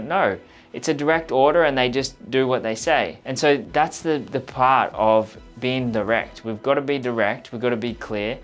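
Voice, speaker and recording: Guy doing a communication how-to, mid pitched voice, earnest and direct, repeats his points, bit of music behind. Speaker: communication coach presenting a how-to video. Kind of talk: instructional talk, conversational coaching.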